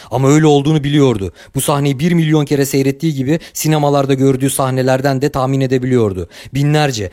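A man narrating a story in a steady, measured storytelling voice. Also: mid-range voice, dry recording, studio quality.

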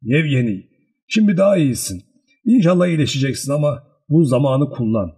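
A man's voice: fairly high pitch, expressive, fairly quick, dark tone, slightly rough, voice pushed up. A man voicing a frail elderly father, anxious and doting, pleading with a raised, breaking voice. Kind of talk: audiobook character reading.

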